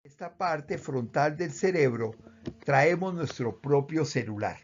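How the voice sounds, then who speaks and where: A man with a Colombian accent, calmly explaining how emotions work with everyday examples. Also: a little high, slow pace, lo-fi sound. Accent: Colombian Spanish. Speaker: speaker on emotional education. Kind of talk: explanatory talk.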